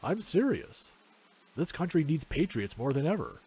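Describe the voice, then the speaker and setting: For a visual novel, a man voices a politician who is suave, menacing and fanatical, speaking in a theatrical, measured and pompous way. His voice is fairly high, very animated and mellow, with a little hiss or hum. The mood comes across as smooth and earnest.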